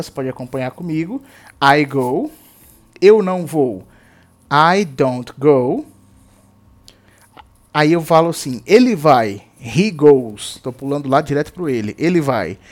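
A man's voice: a little high, a little mellow. A Brazilian man, a native Portuguese speaker, teaches English verb rules to students, repeating examples and often checking in with "tá?". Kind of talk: explaining grammar to students.

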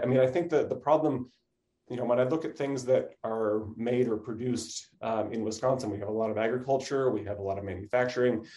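A man with a mellow, relaxed tone and an average pitch. He explains as an expert interview guest, conversationally and informally, checking in with the listener as he goes. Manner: informal explaining, often checks with "you know" and "right". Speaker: academic supply chain expert, interview guest.

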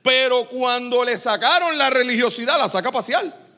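A man preaching a lively, joking sermon in church, teasing his congregation with quick asides. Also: very high-pitched. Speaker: pastor.

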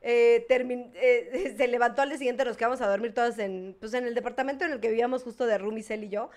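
A woman's voice: fairly high pitch, fast talker, darkish tone. A young adult woman with a Mexican accent, telling a story in a casual chat, slangy and laughing, acting out what others said. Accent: Mexican Spanish. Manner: laughing, slangy, acts out quoted voices.

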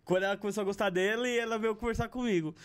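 A man's voice: high-pitched, fairly even intonation, racing, smooth. A man hosting a podcast, chatting casually and reading a sponsor plug. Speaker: podcast host. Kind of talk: casual chat and sponsor read.

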